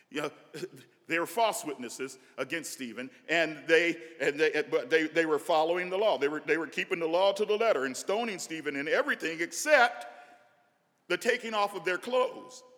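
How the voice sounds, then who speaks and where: Male pastor preaching, fired up, keeps restarting, bright forceful voice, long echo of a church hall. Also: a little high, normal speed. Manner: animated preaching with many restarts and asides. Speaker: senior pastor. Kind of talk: sermon.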